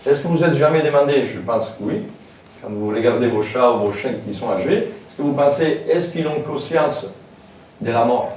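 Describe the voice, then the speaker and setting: Lecturer in a very echoey hall. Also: male voice, mid-range voice, expressive, normal speed, darkish tone. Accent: French with a foreign lilt. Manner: informal, hesitant, many fillers and asides. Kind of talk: public lecture. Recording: very echoey hall, distant mic, faint noise.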